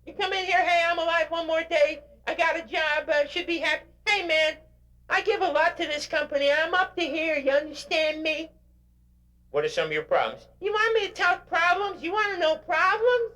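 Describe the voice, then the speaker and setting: A whiny, squeaky griping office worker. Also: male voice, normal speed, pushed and bright. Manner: complaining, high-pitched and strained.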